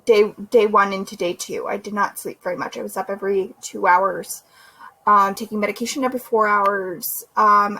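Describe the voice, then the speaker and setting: A young woman talks casually to her camera, filling her sentences with "um" and restarting them often. She sounds sore and a touch out of breath as she chats, her voice sitting at an ordinary middle pitch. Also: fairly bright tone, low-quality recording. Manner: chatty, many fillers and restarts. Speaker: vlogger. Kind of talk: casual recovery vlog chat.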